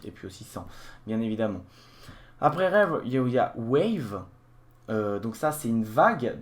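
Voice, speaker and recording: A man giving a casual unboxing walkthrough of a gadget, explaining as he clicks through settings, with frequent hesitations and restarts. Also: fairly high pitch. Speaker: tech reviewer.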